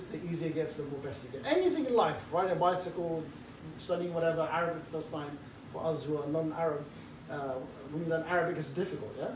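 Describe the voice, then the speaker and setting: A middle-aged street preaching trainer with a fairly high voice leads a group through a casual briefing full of cheeky, relaxed, jovial banter. The mic sits distant across an echoey room, picking up faint background noise.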